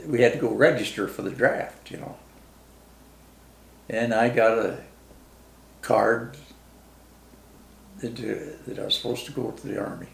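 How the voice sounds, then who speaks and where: Creaky old Midwestern veteran, remembering. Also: male voice, medium pitch. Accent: rural American Midwestern. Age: very old, 90s. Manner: old veteran remembering, halting and plain-spoken, folksy. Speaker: war veteran being interviewed. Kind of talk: casual reminiscing interview. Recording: roomy, echoing interview recording.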